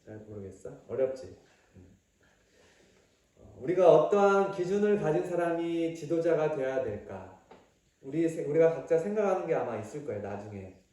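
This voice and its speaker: A male pastor giving a family sermon, coaxing children with questions and sometimes acting out a shouting father. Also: on the high side, sing-song, moderate pace. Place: church hall. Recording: very echoey hall from far off.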